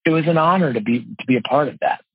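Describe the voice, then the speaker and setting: Earnest fast-paced male interview guest, forties, slightly raspy, close dry lo-fi recording. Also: fairly high pitch, no room sound. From New Jersey. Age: 40s. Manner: earnest, fast-talking, expressive storyteller. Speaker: guest, financial wholesaler and speaker. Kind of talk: podcast interview storytelling. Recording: dull lo-fi dry podcast audio.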